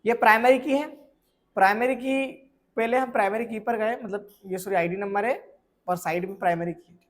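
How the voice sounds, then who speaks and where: A man's voice: high voice, fairly even intonation, normal speed. Guy doing a screen tutorial, asks a question then answers it himself, keeps going "ok?". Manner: keeps checking if students follow; explains with everyday examples. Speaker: computer course teacher.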